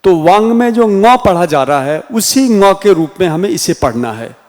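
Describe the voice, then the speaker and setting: Male hindi teacher with a rajasthani accent, fairly high voice, goes letter by letter, echoey classroom. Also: very animated, darkish tone. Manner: slow, deliberate, spells out each letter sound. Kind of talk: classroom lecture. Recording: reverberant room sound.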